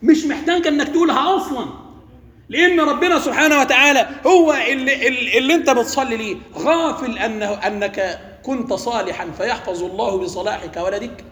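A man's voice: very high-pitched, fast talker, a bit bright. A man with an Egyptian accent giving an interactive religious lesson, asking questions and letting the class finish his sentences. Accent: Egyptian Arabic. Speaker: religious teacher. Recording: echoey hall with faint ambience.

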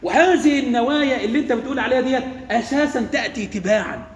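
Quick high-voiced Egyptian preacher. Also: male voice. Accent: Egyptian Arabic. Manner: asks questions and lets the class finish his sentences. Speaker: religious teacher. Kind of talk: interactive religious lesson. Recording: echoey hall with faint ambience.

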